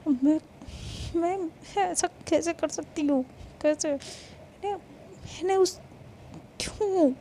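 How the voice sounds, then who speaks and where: A distraught young woman, her voice pushed up high and tight as she keeps asking why, voiced by a woman narrating a romance story. The grain of the voice stays gravelly, with a darker, mellow tone underneath the strain. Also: slow pace, pauses often, a little hiss or hum, full character voice. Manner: agitated, repeated frantic questions. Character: young woman, upset and furious, rattled by heartbreak.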